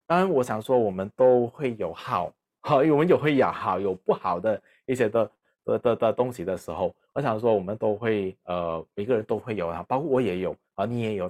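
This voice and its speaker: A man preaching a sermon in a conversational way, dotted with fillers and tag particles. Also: on the low side.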